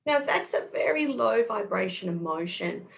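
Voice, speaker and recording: A woman's voice: medium pitch, animated, normal speed, gravelly, a little hiss or hum. A middle-aged woman with an Australian accent, a guest on a podcast, explaining things patiently. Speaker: guest kinesiologist. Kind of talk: podcast interview.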